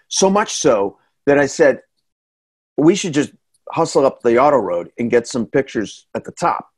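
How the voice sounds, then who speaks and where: Animated, chatty New England man storyteller. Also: medium pitch. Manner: animated, chatty, self-deprecating humor with many fillers. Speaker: tour guide and storyteller giving a slide talk. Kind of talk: casual storytelling presentation. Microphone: webcam on a video call.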